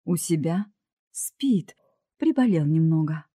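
Reader putting on a gruff old woman, scolding and grumbling, lower and darker than her own voice. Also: lively intonation, takes it slowly, mellow, dry recording, clean studio sound, heavily acted.

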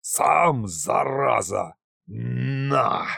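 A man doing a gruff mock-menacing old tsar. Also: lively intonation, a bit bright, dry recording, clean studio sound, heavily acted. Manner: slow, mock-menacing booming. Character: old mischievous male undead tsar, gruff.

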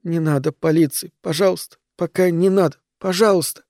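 A man's voice: a little high, normal speed, dark tone, no echo, studio quality, voice pushed up, close to an everyday voice. A man voicing a terrified nine-year-old boy in shock, pleading in a shaky voice.

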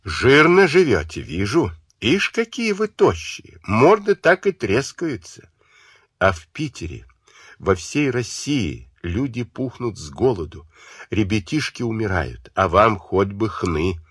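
A husky-voiced man doing a furious, scornful young woman in a storybook, flinging accusations with a lively rise and fall. The voice is low at its base, set in a dry, close sound. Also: slow pace, dry recording, exaggerated voice. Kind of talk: audiobook character voice.

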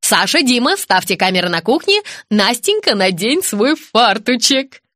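A woman voicing a brisk, fussy female TV director who bosses her crew and gushes over the family. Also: a little high, big pitch swings, pushed and bright, no room sound, clean studio sound. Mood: bustling.

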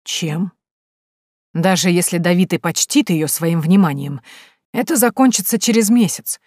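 A woman's voice: fairly low pitch, measured pace, darkish tone, no room sound, clean studio sound. A woman reading an audiobook voices a proud middle-aged lady who speaks in an indignant, huffy way.

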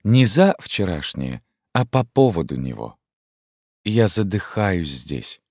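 A man reading an audiobook voices a proud, hot-tempered young daughter who turns shrill and sharp. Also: very animated, slow, no room sound, clean studio sound, exaggerated voice. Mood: defiant.

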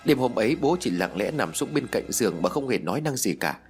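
A man's voice: medium pitch, sing-song, brisk, soft background music. A man voicing a grieving young mother who is tearful and anxious, speaking in a pleading, emotional way. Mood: anguished.

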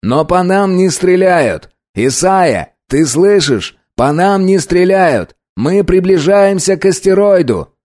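A man reading an audiobook, voicing a tense man who calls out loud, urgent commands to pilots. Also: high-pitched, lively intonation, slow, hardly any pauses, no room sound, studio quality, voice pushed up. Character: tense man directing pilots over radio.

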